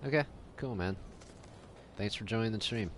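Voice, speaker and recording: A man's voice: on the low side, moderate pace, fairly bright tone, slight background noise. A man streaming a game, giving laid-back, rambling casual commentary.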